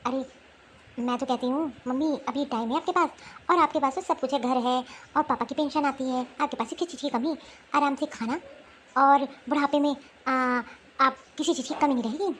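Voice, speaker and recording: A woman's voice: high voice, moderate pace, a bit bright, slight background noise. Woman voicing a scheming spiteful sister-in-law. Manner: sneering, wheedling advice to her mother. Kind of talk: Hindi cartoon voice acting.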